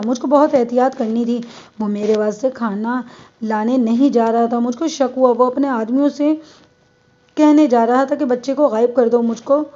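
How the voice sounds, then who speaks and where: A woman reading a first-person crime story aloud in a steady narrating voice. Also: a little high. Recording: dull lo-fi.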